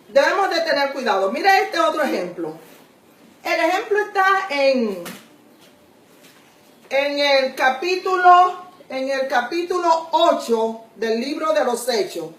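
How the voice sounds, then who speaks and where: A woman teaching a Bible grammar lesson, slowly repeating examples and asking the listener direct questions. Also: sits high, fairly bright tone. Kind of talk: slow explanatory lesson. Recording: echoey room, voice from far off.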